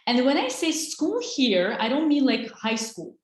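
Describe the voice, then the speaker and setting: A woman's voice: sits high, big pitch swings, unhurried, roomy sound. A woman, teaching an online English lesson in an encouraging way. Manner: encouraging, switches between English and Azerbaijani.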